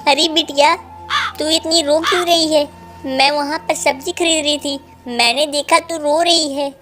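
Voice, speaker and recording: A woman's voice: sits high, steady tone, a little slow, faint music behind. A woman voicing a kind, motherly crow queen who comforts a crying girl. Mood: comforting. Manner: gentle, comforting.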